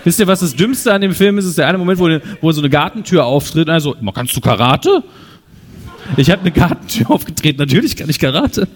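A man co-hosts a live podcast, rattling through topics fast. His pitch jumps around a lot, and his voice echoes around a large hall. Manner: animated, listing topics. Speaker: podcast co-host.

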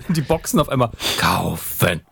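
A man's voice: mid-range voice, darkish tone, a little hiss or hum. A man, a podcast host, chatting casually and joking his way through the show's sign-off. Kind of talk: casual chat and show outro.

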